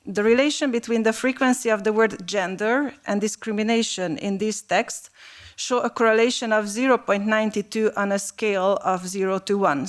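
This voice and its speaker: A woman, originally from Romania, delivers a prepared speech to a panel. Her pitch sits at an ordinary middle height, and she reads in a steady, measured and formal manner. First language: Hungarian. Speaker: panel speaker.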